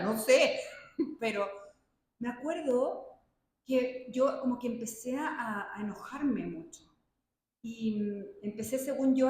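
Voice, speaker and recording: A woman's voice: a little high, darkish tone. A woman giving a personal testimony to a group, telling her story in a chatty, anecdotal way with asides. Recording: very echoey room sound.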